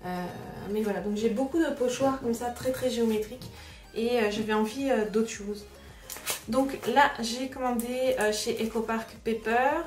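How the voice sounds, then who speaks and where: A woman's voice: fairly high pitch, fairly even intonation, moderate pace, recorded from a distance. A woman hosting a casual craft unboxing vlog, chatty and hesitant, with many filler sounds. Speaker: craft vlogger host. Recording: roomy echo, voice away from the mic, music behind. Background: background music.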